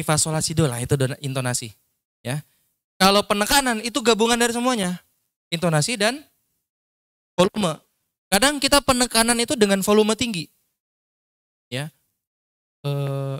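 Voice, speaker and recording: A man with a high-pitched, slightly bright, smooth voice teaches public speaking in a casual workshop lecture at an Islamic school training session. He explains points and demonstrates tones with his own voice, and the recording is dry with clean studio sound.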